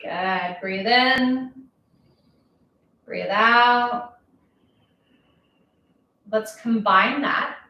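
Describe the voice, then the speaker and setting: A woman instructor leading a yoga class, talking calmly and slowly with a gently playful touch. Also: on the high side. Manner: calm, slow, gently playful. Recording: very echoey room, voice from far off.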